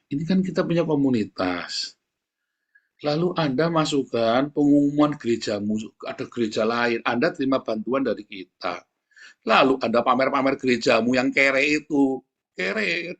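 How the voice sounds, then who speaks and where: Man, pastor, husky voice, blunt, scolding sermon. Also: mid-range voice, a bit bright. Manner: blunt, scolding, repeatedly addresses listeners as brothers. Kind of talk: blunt sermon to an online congregation.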